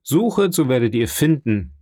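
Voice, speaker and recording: A man's voice: mid-range voice, very animated, normal speed, dark tone, dry recording, studio quality, pitched above the performer's own voice. A man putting on a sly scheming schemer. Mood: mocking.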